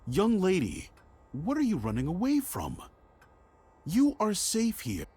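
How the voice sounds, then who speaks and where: A man's voice: high voice, wildly swooping pitch, unhurried, darkish tone, slightly rough, heavily acted. An actor playing a stern middle-aged director of a girls' home, formal and scolding, in a dramatic video game scene. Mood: stern, concerned.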